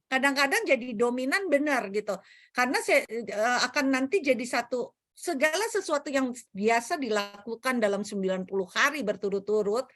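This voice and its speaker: Higher-voiced woman coaching, dry sound. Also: fairly bright tone, no room sound. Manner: explanatory, casual, mixes English terms. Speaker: self-development speaker. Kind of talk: online Q&A talk.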